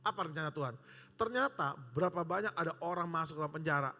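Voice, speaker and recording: A male pastor preaching a lively sermon, joking with the congregation and shouting at times. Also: a little high, fast talker. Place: hotel auditorium. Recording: long hall reverb in auditorium.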